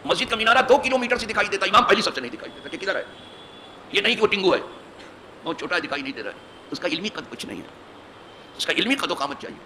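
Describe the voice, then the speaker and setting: An imam preaches from a mosque pulpit, his voice bright, sharp and somewhat high. He drives points home with rhetorical questions and rising emphatic bursts. Faint street noise sits underneath. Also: big pitch swings, long pauses. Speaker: mosque imam giving hadith lesson. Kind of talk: Urdu hadith sermon.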